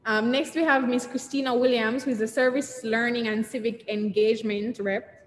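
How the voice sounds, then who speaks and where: Jamaican woman cohost, bit higher voice, brisk, roomy echo, faint hiss. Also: steady tone. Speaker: co-host. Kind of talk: casual live-stream introductions. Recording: echoey room with long reverb, faint noise.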